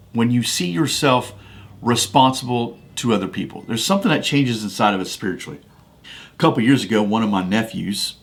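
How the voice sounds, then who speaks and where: A man hosting a podcast, talking casually about faith and telling a personal story in a folksy, conversational way with frequent restarts. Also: fairly low pitch. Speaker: podcast host. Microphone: studio microphone.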